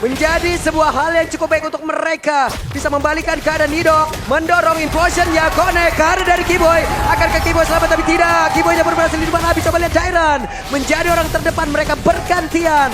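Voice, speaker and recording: High-pitched male esports caster, excited. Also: quick pace, hardly any pauses, over a noisy crowd. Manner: excited, dramatic play-by-play calling with rhetorical questions. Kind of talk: esports match commentary. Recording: loud music behind the voice. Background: music.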